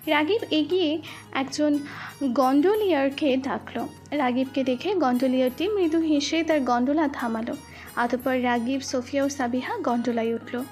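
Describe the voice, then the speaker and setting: A woman narrating a romantic story with an expressive, flowing delivery. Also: sits high, moderate pace, faint music behind. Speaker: voice artist, storyteller.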